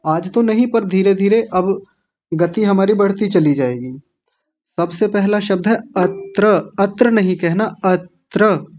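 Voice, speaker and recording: A man teaching Sanskrit recitation who drills every word patiently, one syllable at a time. His voice sits fairly high and he speaks at an unhurried pace. The sound is muffled and lo-fi, like audio from an online class. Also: a little mellow.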